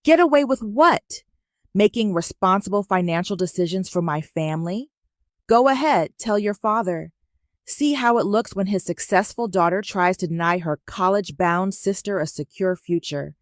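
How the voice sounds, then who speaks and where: A woman's voice: fairly low pitch, moderate pace, dry recording, studio quality, natural voice. A woman putting on a smug, taunting stepmother. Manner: dismissive, sharp, taunting. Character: smug condescending middle-aged stepmother.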